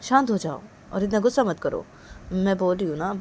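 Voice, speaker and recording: A woman doing a soft, soothing young woman. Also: medium pitch, animated, fairly quick, slight background noise, natural voice. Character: gentle young woman calming her partner.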